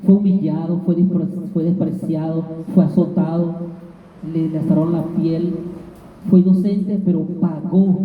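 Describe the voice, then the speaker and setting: A man preaching a sermon, emphatic and repeating his key phrases as he goes. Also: sits high. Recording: echoey hall from far off, phone-like.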